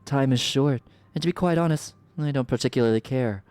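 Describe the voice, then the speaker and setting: A man's voice: medium pitch, fairly quick, darkish tone, voice pushed up, natural voice. Man voicing a menacing, theatrical villain sorceress. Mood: imperious menace. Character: haughty sardonic ancient sorceress villain, memory manifested, woman. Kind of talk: reading game dialogue aloud in character.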